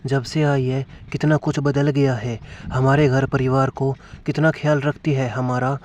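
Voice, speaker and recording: A man's voice: medium pitch, level tone, unhurried, darkish tone, slight background noise, natural voice. A man narrating a story voices an anxious, caring elderly mother-in-law in a motherly, pleading manner. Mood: musing.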